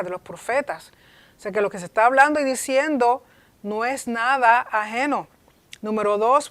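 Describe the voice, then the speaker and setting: A woman's voice: a little high, fairly bright tone, dry recording. A woman pastor teaching a class in an earnest way, often repeating herself and restarting her phrases.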